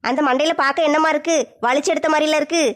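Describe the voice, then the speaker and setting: A woman's voice: high voice, steady tone, fast. A woman acting a village comedy sketch in a brash, mocking way. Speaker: comic sketch performer.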